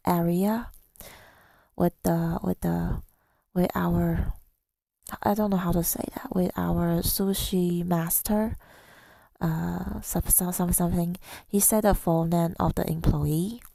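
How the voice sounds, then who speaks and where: An ASMR audio creator, a woman, tells a story in a soft-spoken, gentle, unhurried way that drifts into a breathy whisper. She is close to the microphone, her voice is lowish, and there's no room sound.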